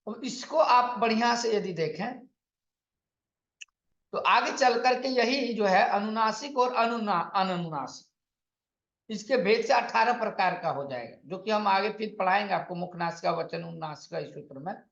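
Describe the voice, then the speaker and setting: A man teaching Sanskrit grammar in an online lecture, explaining patiently and repeating lists, sometimes chanting sutras slowly. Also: high-pitched, gravelly, a bit bright. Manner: slow, patient explaining with repetition and counting out lists. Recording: echoey, dull lo-fi room recording.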